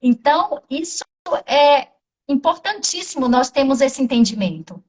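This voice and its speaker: A woman with a Brazilian accent, speaking as a therapist in an interview and telling stories from her practice. Her voice sits a little high, and she is animated, acting out the voices in the dialogue as she tells it. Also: measured pace, distant mic, poor audio. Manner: animated, acts out quoted dialogue. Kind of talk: interview storytelling.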